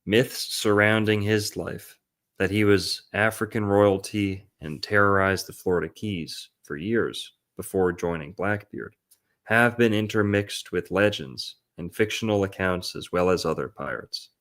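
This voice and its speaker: A man's voice: lowish voice, a little slow, fairly bright tone. A man hosting casual commentary, sometimes reading aloud from text. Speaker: livestream host.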